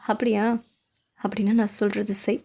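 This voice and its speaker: A woman's voice: medium pitch, little pitch movement, normal speed, gravelly, warm tone, voice pushed down. A woman voicing a stern young husband in a fan dub, speaking in short, cool, clipped lines. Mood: curt. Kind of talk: Tamil fan dub of a drama.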